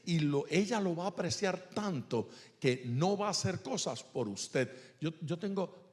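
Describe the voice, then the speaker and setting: A man's voice: fairly high pitch, a little slow. A man answering questions at a church men's meeting, telling stories and acting out the voices of the people in them. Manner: animated storyteller, acts out voices. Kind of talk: Q&A talk at a church men's event.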